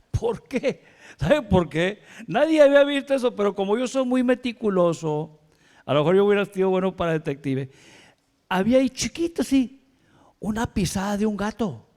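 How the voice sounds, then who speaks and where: Pastor for a sermon: a man with a fairly high voice, animated, with soft asides and loud emphatic passages, in a church hall with long reverb. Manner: animated preacher with frequent "¿sí?" checks to the congregation. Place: church sanctuary.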